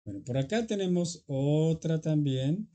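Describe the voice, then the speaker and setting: A man's voice: a little high, expressive, measured pace, warm tone. A man teaching an English grammar lesson, patiently explaining and checking in with students.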